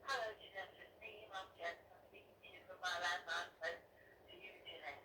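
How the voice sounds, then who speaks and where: An older woman speaks softly and formally over a landline phone, her voicemail played back on a speaker. The sound is distant and roomy, with clear noise underneath. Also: on the low side, moderate pace. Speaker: mother leaving a voicemail.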